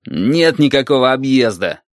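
A man voicing a mustached army captain who talks down slowly and with contempt. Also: mid-range voice, very animated, no echo, studio quality, lightly acted. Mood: curt dismissive. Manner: slow, insinuating, contemptuous. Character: yawning gruff mustached army captain, menacing.

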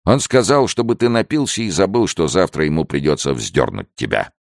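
A man's voice: low-pitched, expressive, a little fast, vocal fry, no echo, studio quality, voice pushed up. A man voicing a drunk, staggering gendarme jailer who mumbles his words. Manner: mumbling, slurred.

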